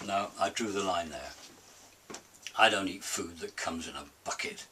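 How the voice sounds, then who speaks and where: A man's voice: on the low side, sharp tone, breathy edge. An older British man delivering a comic grumbling monologue in an indignant, curmudgeonly grumpy-old-man manner, emphatic, with a slight hiss on his S sounds. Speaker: host of a comic rant series. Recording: distant mic with faint hiss.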